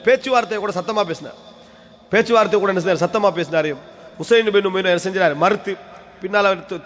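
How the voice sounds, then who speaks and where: A man's voice: high voice, a bit bright. A man giving a weekly religious lecture in a mosque. He tells a history as a story, asking rhetorical questions and answering them himself, and he repeats key phrases. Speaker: preacher. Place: mosque hall. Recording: long hall reverb.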